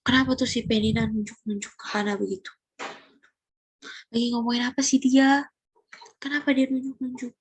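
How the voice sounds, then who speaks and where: A young woman Sunday school teacher telling a Bible story to children, animated, asking them questions and sometimes dropping to a whisper. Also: a little high, moderate pace, long pauses, slightly rough, no echo.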